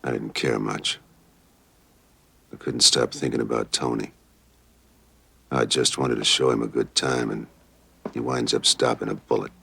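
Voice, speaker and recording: Very deep, gravelly private eye. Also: male voice, little pitch movement, unhurried, pauses often, pushed and bright, dry recording, heavily acted. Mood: weary. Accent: American. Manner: laconic, wry. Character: world-weary, hard-boiled male private detective. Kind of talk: noir detective drama with voice-over narration. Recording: clearly noisy film soundtrack.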